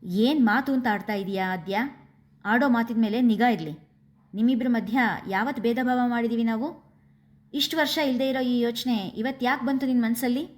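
A woman voicing a middle-aged mother who scolds her daughter in a raised, sharp tone. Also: a little high, moderate pace, pitched above the performer's own voice, lightly acted. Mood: angry.

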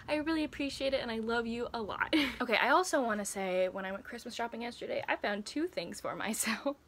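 A woman's voice: fairly high pitch, fairly bright tone, a little hiss or hum. Giggly young woman chatting about books. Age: 20s. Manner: chatty and giggly, with frequent laughs and fillers. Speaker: book vlogger. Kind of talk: casual reading vlog chat. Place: cluttered bedroom with bookcases, indoors.

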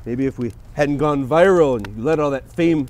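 Standing in the snow outside a stadium, a man in his thirties co-hosts a comedy sports show, giving his lines a theatrical, gravely earnest delivery for laughs. His voice is mid-range and darkish, at a moderate pace.

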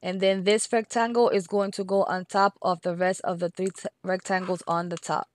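A woman with a Spanish accent talks through a software craft tutorial step by step, slowing down to repeat each number. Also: on the low side, little pitch movement. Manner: patient, repeats steps and numbers slowly.

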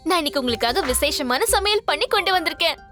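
A woman playing a playful, doting queen in a dubbed TV drama, coaxing and teasing, with a very high voice over background music. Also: expressive, fast talker.

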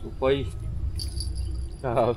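A man from Vietnam fishing on a riverbank outdoors, talking casually to his viewers and calling out excitedly whenever a fish bites, recorded by a camera a few meters away. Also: medium pitch, measured pace. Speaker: fishing vlogger. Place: riverbank under trees, outdoors. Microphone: camera on tripod a few meters away. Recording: loud outdoor noise behind the voice.

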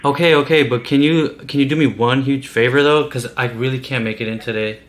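A man's voice: mid-range voice, steady tone, brisk. A man in his twenties making a casual prank phone call, posing as an employee in a hesitant, pleading, innocent way. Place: small indoor room.

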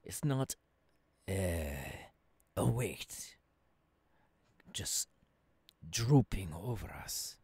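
A man playing an earnest visionary professor mentoring an apprentice in an ASMR roleplay, halting and breathy, close to the microphone. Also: sits low, animated, darkish tone, no room sound, full character voice. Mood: reassuring, fervent. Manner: slow, deliberate, halting phrases dropping into whispers. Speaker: voice actor. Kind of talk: ASMR audio roleplay, intimate second-person monologue. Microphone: close microphone, dry.

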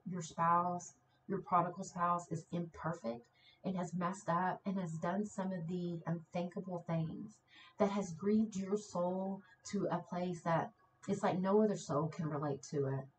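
A woman's voice: lowish voice, a little hiss or hum, poor audio. A woman leading a ministry, preaching an encouraging sermon to her viewers in fervent, repetitive declarations. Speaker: ministry leader.

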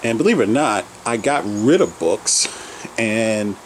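A man's voice: lowish voice, expressive, unhurried, slight background noise, poor audio. A man casually narrating a tour of his basement collection, listing items one by one with fillers, recorded on a handheld camera. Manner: rambling item-by-item listing with fillers. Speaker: collector giving a home tour. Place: home basement.

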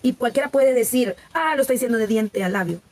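A woman's voice: a little high, fast talker, a little mellow. A woman in her forties with a Salvadoran Spanish accent, chatting candidly with viewers on a live stream and often restarting her sentences. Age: 40s. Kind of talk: casual live-stream chat.

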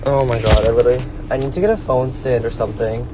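A man's voice: medium pitch, steady tone, fast talker. A young man chatting casually into his phone for a vlog, full of "like" fillers and swearing when annoyed. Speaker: vlogger. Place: home and in a car. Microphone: handheld phone. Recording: noisy phone recording.

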